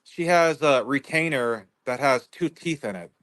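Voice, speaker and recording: A man guest on a livestream, talking in a rambling, halting way with many restarts. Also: mid-range voice, lively intonation, fairly bright tone. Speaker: guest neighbor. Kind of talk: casual livestream interview.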